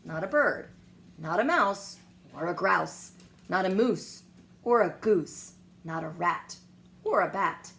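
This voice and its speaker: A woman's voice: lowish voice, animated, takes it slowly, gravelly, pauses often, a bit bright, exaggerated voice. A woman voicing a stern mother cat in a children's storybook, scolding with heavy emphasis. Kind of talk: children's storybook read-aloud. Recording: some background noise.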